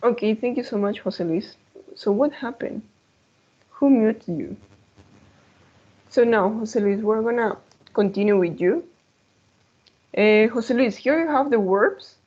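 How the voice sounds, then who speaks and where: Slow careful lady english teacher on a video call, explains in too, dull lo-fi sound. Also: on the high side, lively intonation, a little mellow. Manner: patient, models words and switches into Spanish to explain. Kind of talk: online class instruction.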